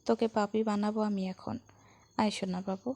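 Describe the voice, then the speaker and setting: A woman reading aloud as a hot-tempered young husband who pleads and snaps in a loud, gravelly storybook voice. The tone is dark and mellow, with fry at the ends of phrases. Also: high voice, little pitch movement, moderate pace. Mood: threatening. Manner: pleading, then snapping angrily.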